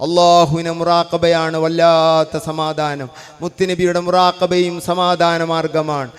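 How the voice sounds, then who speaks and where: A man's voice: on the high side, little pitch movement, a little slow, smooth. A man preaching a sermon as an Islamic preacher, stressing points by repeating phrases.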